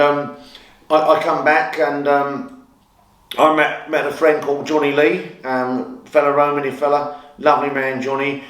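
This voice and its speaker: A man's voice: mid-range voice, fairly bright tone. A man in his fifties with a London accent tells stories casually to viewers, hesitating often in a conversational way. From West London, England. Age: 50s. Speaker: YouTube channel host. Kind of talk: casual spoken storytelling to viewers. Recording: echoey room.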